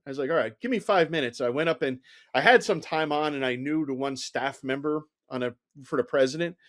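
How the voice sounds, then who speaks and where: A man's voice: a little high, fairly quick. A middle-aged man, a former Secret Service agent, telling stories as a guest in a conversational interview, leaning on "you know" and acting out the dialogue. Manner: animated anecdotal telling, heavy use of "you know", acts out quoted dialogue.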